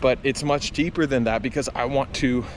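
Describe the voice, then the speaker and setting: A man films himself talking outdoors, with faint street noise around him. His voice sits at an ordinary pitch. He speaks earnestly and confessionally, like a running vlogger thinking aloud. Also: fairly even intonation, fairly quick. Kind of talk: reflective vlog talk to camera. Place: outdoors on a campus. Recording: clear outdoor traffic and ambient noise.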